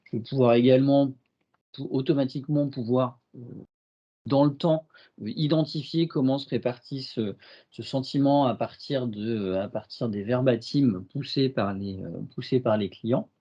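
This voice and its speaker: A man with a French accent walks through a software demo on a video call, stopping often on fillers and restarting his sentences. His voice sits at an ordinary pitch. The audio is dull and lo-fi, like a computer mic. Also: moderate pace. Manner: hesitant, many fillers and restarts. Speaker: IT consultant presenting a demo. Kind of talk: webinar product demo.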